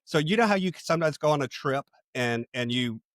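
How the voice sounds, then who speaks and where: A middle-aged man, a podcast host and coach, telling stories in a relaxed conversational interview and acting out quoted people. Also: fairly high pitch, a little fast, no echo, studio quality. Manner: storytelling, animated voices for quoted people.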